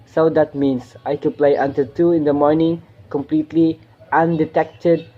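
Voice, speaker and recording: A man's voice: on the high side, little pitch movement, moderate pace, highs cut off, natural voice. A young man playing a bored Filipino immigrant teenage boy who grumbles casually about food and loneliness, with a Filipino accent. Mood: grumbling. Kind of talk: student dramatic reading.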